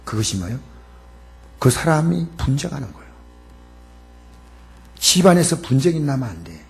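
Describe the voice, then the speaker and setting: A man's voice: medium pitch, sing-song, normal speed, creaky. A man preaching a Sunday sermon as pastor in a church, emphatic and calling on the congregation to repeat after him. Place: church sanctuary.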